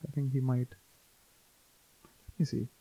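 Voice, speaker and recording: A man hosting a casual sports chat, relaxed and laughing often, with halting restarts. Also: medium pitch, vocal fry, breathy edge, no echo, low-quality recording.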